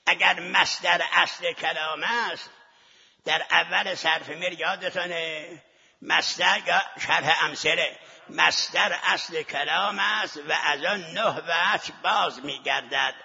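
Lecturing to seminary students, this man argues his case and asks the class rhetorical questions. His voice sits a little high, bright and husky with vocal fry, forceful yet fairly even in intonation. The audio is lo-fi, with long reverb from a hall.

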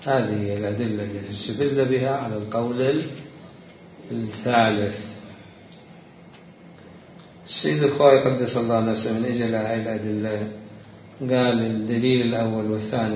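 A man teaching a religious law lesson, reading old texts slowly and loudly, then explaining them in dialect. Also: fairly low pitch, far from the mic. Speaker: seminary jurisprudence teacher. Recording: roomy, dull lo-fi recording with faint hiss.

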